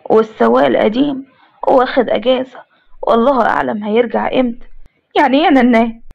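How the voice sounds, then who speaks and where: A woman voicing a calm, patient grandmother with an Egyptian accent, speaking in a measured way. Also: sits high, gravelly, muffled recording. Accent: Egyptian Arabic.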